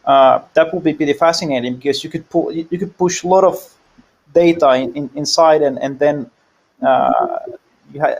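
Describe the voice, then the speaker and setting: Male panelist, gravelly, hesitant, repeats words. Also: a little high. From Finland. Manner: halting, many fillers and repeated words. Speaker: panel guest. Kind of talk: casual panel discussion.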